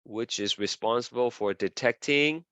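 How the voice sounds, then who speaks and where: A man's voice: mid-range voice, normal speed, sharp tone, smooth, dry recording, muffled recording. A man lecturing a class, repeating key terms as he draws and often asking "okay?" and "right?".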